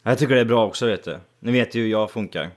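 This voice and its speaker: A young man chatting loosely about films, asking questions and swearing casually. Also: on the low side. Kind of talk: casual chat.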